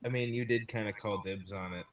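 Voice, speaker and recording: A man playing a tabletop game, excitable and swearing freely in casual chat. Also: fairly low pitch, a little fast. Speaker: player.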